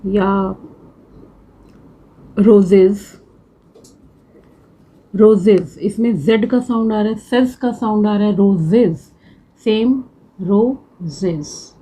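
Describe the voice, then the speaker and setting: Slow, patient woman teacher. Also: mid-range voice, warm tone, rough recording. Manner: patient, repeats words slowly to drill them. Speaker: shorthand teacher. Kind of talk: slow classroom explanation.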